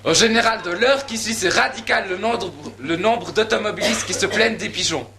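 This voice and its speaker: A man's voice: sits high, moderate pace, vocal fry, crowd noise. A man playing a lazy, scheming young man who speaks in a wry, mocking monologue, in an amateur stage comedy. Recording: echoey stage.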